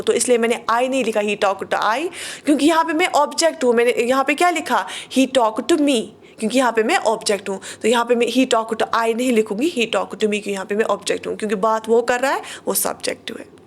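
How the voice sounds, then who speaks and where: Woman, online teacher, fairly high voice, patient explaining, repeats questions to the class, slow example sentences. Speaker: English teacher. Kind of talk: online grammar class taught in Hindi.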